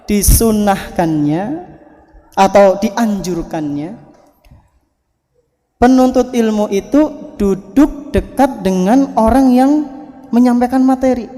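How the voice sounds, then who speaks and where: A male preacher with a Javanese accent, giving a lively storytelling sermon with playful asides. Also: sits high, takes it slowly, long pauses. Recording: hall reverb.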